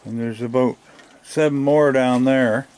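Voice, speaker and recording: A man's voice: medium pitch, fairly even intonation, a little slow, darkish tone. An older man hosting a casual outdoor chat, easygoing and offhand as he counts and comments, holding the phone camera himself on a deck at night. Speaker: host filming raccoons. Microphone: phone camera in his hand.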